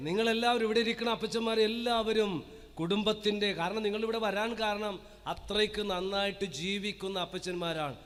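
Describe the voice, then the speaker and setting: A male priest preaching to his parish, asking rhetorical questions and slowly listing key words for the congregation to repeat. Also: high voice, fairly bright tone. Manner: rhetorical questions with call-and-response; slow emphatic listing of words. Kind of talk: parish sermon to a live congregation. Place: church hall with long reverb. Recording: reverberant church hall.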